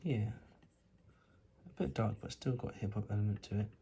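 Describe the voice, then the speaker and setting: A man's voice: fairly low pitch, fairly even intonation, fairly quick, gravelly. A man teaching an informal step-by-step music tutorial, thinking aloud as he works, with R's that come out like W's. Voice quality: cannot pronounce R's properly, R sounds like W. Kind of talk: informal screen-recorded tutorial, demonstrating step by step.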